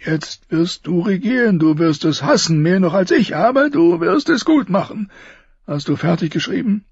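Man voicing a dying, pained, gruff king. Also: expressive, moderate pace, no echo, lo-fi sound, heavily acted. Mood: pained, bitter. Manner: strained, pained, booming outbursts. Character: dying wounded male king, gruff and bitter. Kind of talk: audiobook character voice.

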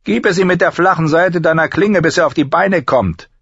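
A man voicing a cold, sneering middle-aged male master-at-arms with a sharp, booming voice and a mocking manner. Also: moderate pace, creaky, slightly rough, dry recording, lo-fi sound, full character voice. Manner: mocking, contemptuous.

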